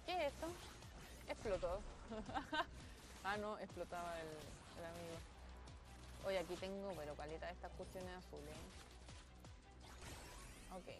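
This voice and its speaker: A woman's voice: lowish voice, measured pace, pauses often, over music. A young Chilean woman hosting a casual gaming stream, chatty and playful, exclaiming and laughing as she plays and reads the chat. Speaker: streamer host.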